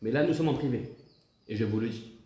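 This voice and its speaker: A man's voice: mid-range voice, fairly quick, warm tone, echoey room, natural voice. A man playing a stern, pompous president in a comic sketch, insinuating and mock-diplomatic as he scolds and threatens. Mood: indignant, pompous.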